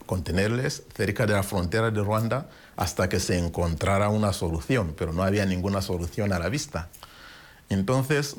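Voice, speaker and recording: In an interview, a man with a very low, deep voice gives personal testimony about his life, speaking reflectively and unhurriedly. He pauses and restarts while searching for words, as Spanish is not his native language.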